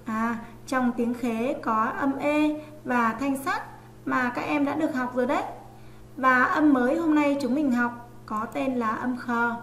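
A woman teaching an online reading lesson to young children, stretching out each sound slowly as she spells out syllables. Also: sits high, fairly bright tone, roomy sound, a little hiss or hum. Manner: slow, drawn-out sounding out of letters. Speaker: online primary school teacher.

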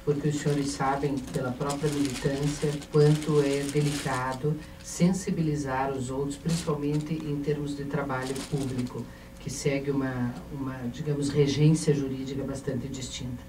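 A middle-aged Brazilian woman on a panel delivers a formal tribute in a measured, ceremonious way, with a bass voice and fairly even intonation. She speaks into a handheld mic at an auditorium panel table, but a distant camera records her, so the hall sounds echoey and noisy from far off.

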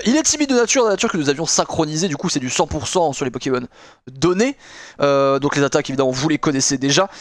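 A young man streaming live, chatting with viewers in a rambling way with lots of fillers. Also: on the high side. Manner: excitable, shouting and laughing with joy. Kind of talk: live stream reaction and chat.

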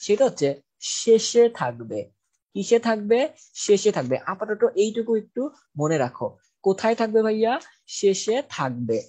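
Male tutor, dark mellow tone, patient drilling style, asks and answers his own questions. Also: high-pitched. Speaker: chemistry tutor. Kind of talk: online class lecture.

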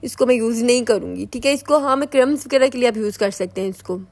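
A woman's voice: a little high, fast talker, a little mellow, no room sound. A young Pakistani woman with an Urdu accent, a home baker giving a chatty, instructive cooking tutorial voice-over. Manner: chatty, instructive, repeats "ठीक है".

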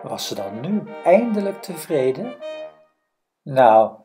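A woman reading a fairy tale aloud in a calm, expressive storytelling manner. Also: a bass voice, slow pace, music in the background.

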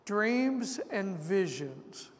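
A man's voice: sits high, very animated. A man preaching a sermon in a church, moving from scripture reading into story-filled asides to the congregation. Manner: slow, deliberate preaching with asides. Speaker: pastor. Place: large church sanctuary. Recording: long church reverb.

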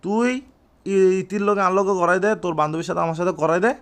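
In a high-pitched, steady voice and at a brisk pace, a young Bangladeshi man with a Chittagong accent plays an older brother on a prank call. He keeps it informal, boasting and repeating himself.

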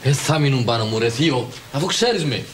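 An actor playing a cheeky young nephew who pleads and teases, with a Cypriot Greek accent. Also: male voice, mid-range voice, animated, slight background noise, lightly acted. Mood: wheedling. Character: cheeky young nephew, male, wheedling for money. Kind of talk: TV sitcom acting.

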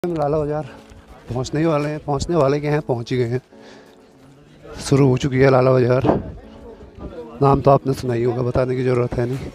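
A man's voice: mid-range voice, flat delivery, fairly quick, long pauses, darkish tone. A young man from Uttarakhand, India, with a slightly sore throat, walking through outdoor market streets and chatting to viewers as he guides a tour, recorded on a phone camera with background music. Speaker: vlogger. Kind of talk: walking city tour vlog.

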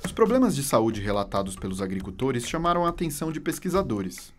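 Male news reporter, scripted and measured narration. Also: medium pitch, sing-song. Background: music bed.

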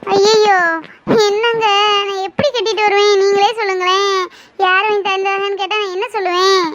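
A woman's voice: extremely high pitch, fairly even intonation, fairly bright tone, no echo. A woman voicing a shy, tender young village woman in love, pleading and emotional, in a cartoon. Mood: flustered. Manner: pleading, emotional, quick to tears. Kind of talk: cartoon voice acting. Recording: dull lo-fi recording.

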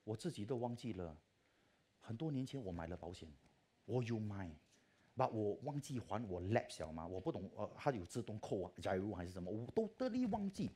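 A man giving a church testimony, telling his story with animated acted-out dialogue and English mixed into his Mandarin. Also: fairly low pitch, a little fast, husky. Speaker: speaker sharing his life testimony.

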